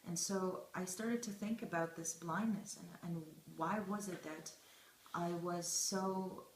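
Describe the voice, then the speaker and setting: A young woman, giving thoughtful, deliberate interview answers with pauses mid-phrase. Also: fairly low pitch, steady tone. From Israel, of Russian immigrant background. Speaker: interviewed journalist and film student. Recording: echoey room with faint background noise.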